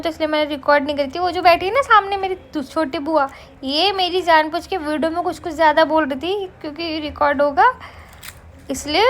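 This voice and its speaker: A young woman narrating her family vlog in a chatty voice-over, fondly describing her relatives and outings. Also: high voice. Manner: warm, affectionate storytelling about family. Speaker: family vlogger.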